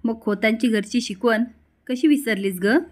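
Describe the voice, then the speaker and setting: A woman's voice: on the high side, normal speed, natural voice. A woman reading the lines of a stern elder brother who lectures his sister about respect for food. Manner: lecturing, firm.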